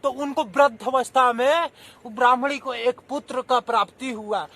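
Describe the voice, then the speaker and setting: A man's voice: very high-pitched, moderate pace, bright, forceful tone. A man narrating a devotional story, repeating phrases and addressing listeners respectfully. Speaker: religious storyteller.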